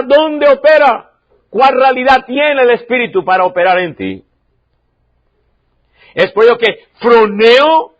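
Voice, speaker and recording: A man preaching a sermon as pastor, emphatic, repeating key lines and swinging from loud to quiet. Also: extremely high pitch, highs cut off. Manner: emphatic preaching, repeats key phrases, varies loudness sharply.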